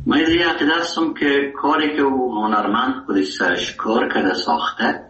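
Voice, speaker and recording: A man with an Afghan Dari accent, a musician guest in a radio interview, talking warmly and rambling with many hesitations. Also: medium pitch. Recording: distant, echoey, dull lo-fi line.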